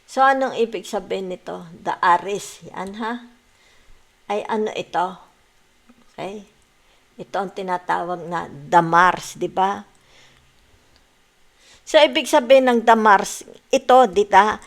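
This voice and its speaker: A woman's voice: medium pitch, takes it slowly, creaky, pauses often. A woman from the Philippines giving a casual tarot reading, mixing English into Filipino and checking in with tag questions. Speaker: tarot reader.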